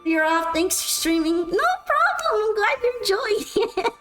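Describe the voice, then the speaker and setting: A woman's voice: very high voice, big pitch swings, unhurried, fairly bright tone, soft background music, low-quality recording. A woman streamer chatting casually with her viewers while playing, self-mocking and answering questions. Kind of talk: casual chat while gaming.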